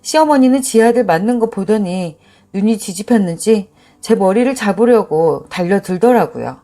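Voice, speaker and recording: A woman narrating a dramatic first-person story with an expressive, emotionally charged delivery. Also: mid-range voice, normal speed.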